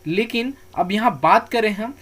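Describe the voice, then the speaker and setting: A man speaking in a high-pitched, fairly bright tone presents grammar terms on slides. He slowly repeats important words for pronunciation practice, asks questions only to answer them himself, and encourages learners not to worry.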